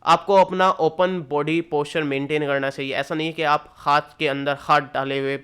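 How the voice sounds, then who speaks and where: Chatty man teaching, smooth clear voice. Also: on the high side, level tone, normal speed, fairly bright tone. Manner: chatty, repeats points with plain rephrasings. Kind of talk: casual lecture explaining slides.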